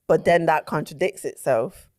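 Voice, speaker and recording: A woman's voice: deep voice, moderate pace, heavy background noise. A young woman co-hosting a podcast in a chatty, slangy way. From Dutch Caribbean islands. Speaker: podcast co-host. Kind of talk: casual podcast chat.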